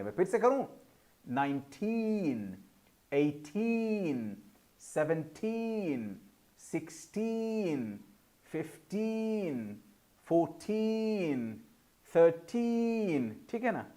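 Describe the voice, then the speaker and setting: A man teaching English pronunciation in a video lesson, explaining in a formal tone with Urdu-flavoured words and slowly drawing out each example word. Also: fairly high pitch, a little mellow. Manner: slow, drawn-out model pronunciations between explanations.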